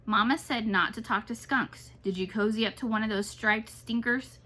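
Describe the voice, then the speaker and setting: A woman's voice: fairly high pitch, moderate pace, pushed and bright. A woman voicing a cautious young male possum in a read-aloud storybook, sounding earnest and fretful. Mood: concerned.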